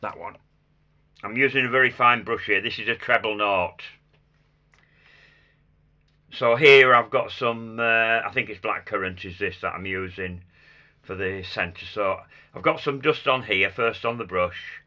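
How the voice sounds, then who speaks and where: Man, low hoarse croaky voice, hard bright edge, casual craft tutorial, muttered asides, dull recording. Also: normal speed. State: hoarse after a chest infection. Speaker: craft tutor demonstrating sugar flowers. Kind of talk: casual hands-on demonstration.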